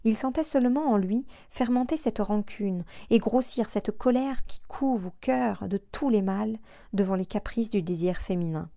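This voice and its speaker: A woman narrating an audiobook in a measured, expressive reading. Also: medium pitch, vocal fry, no room sound, clean studio sound. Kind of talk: scripted narration.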